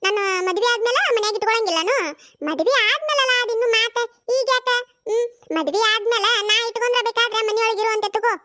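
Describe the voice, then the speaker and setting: A performer voicing a cheeky, sharp-tongued young village woman in a cartoon comedy, talking with a North Karnataka accent in a rapid, teasing, quarrelsome way. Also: extremely high pitch. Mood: teasing, squabbling. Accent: North Karnataka Kannada.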